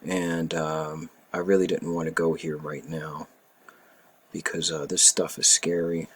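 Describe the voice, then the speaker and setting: A man's voice: a bass voice, little pitch movement, unhurried, fairly bright tone. A man reading a bill aloud and commenting on it in casual, emphatic opinion talk, often repeating and rereading phrases.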